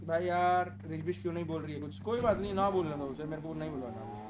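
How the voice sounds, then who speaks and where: A man's voice: fairly high pitch, animated, fast. A man streaming a game, chatting casually and joking with other players while swearing freely. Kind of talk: casual gaming banter.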